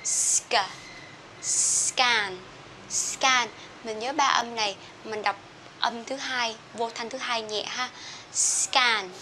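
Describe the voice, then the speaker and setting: A young Vietnamese woman teaching English pronunciation, saying each word slowly twice and then explaining. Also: on the high side, fairly even intonation, pushed and bright, a little hiss or hum. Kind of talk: pronunciation drill lesson.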